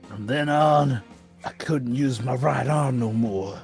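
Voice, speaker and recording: A man's voice: mid-range voice, slow pace, vocal fry, a little mellow, faint music behind. A man voicing a burdened, hot-tempered fighter from a fantasy game, reading dialogue in an emphatic, colloquial way. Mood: brooding. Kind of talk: amateur read-aloud of game dialogue.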